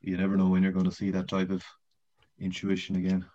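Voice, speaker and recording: Man, deep low voice, podcast guest, rambling casual storytelling, swears, muffled lo-fi sound. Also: completely flat delivery, fast, warm tone. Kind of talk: casual chat. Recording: dull lo-fi podcast audio.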